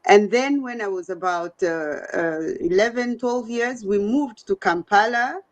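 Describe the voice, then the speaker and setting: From her home in The Hague, a middle-aged woman from Uganda joins an online interview by video call. Her mid-range voice is unhurried, and she speaks conversationally, often using fillers.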